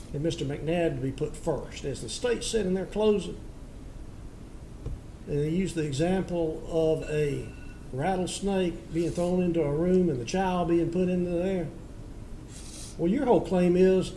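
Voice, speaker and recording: Male judge: mellow, fairly high voice, stern and admonishing, folksy phrasing. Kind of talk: sentencing remarks from the bench. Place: courtroom. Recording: echoey courtroom with faint noise.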